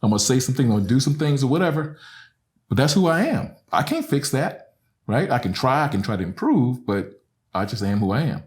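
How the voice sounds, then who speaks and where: With a mid-range, sing-song voice that is fairly quick and darkish in tone, a middle-aged Alabama professor talks earnestly as a podcast guest. He explains reflectively and conversationally, often tagging on "right?" and "you know."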